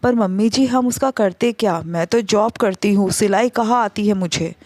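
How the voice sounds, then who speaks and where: A woman's voice: mid-range voice, normal speed, a little mellow, no room sound, natural voice. A woman voicing a young working daughter-in-law who speaks politely and turns firm. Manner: polite, respectful address.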